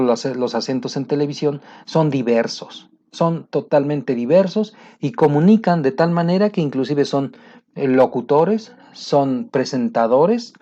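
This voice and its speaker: A man's voice: medium pitch, warm tone. A man gives a casual spoken lesson as an English teacher, hesitating often with fillers and restarts. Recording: dull lo-fi sound.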